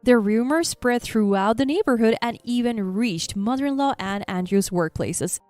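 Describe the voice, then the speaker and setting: A woman narrating a first-person story in a calm, matter-of-fact manner. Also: on the high side, moderate pace, dry recording, faint music behind.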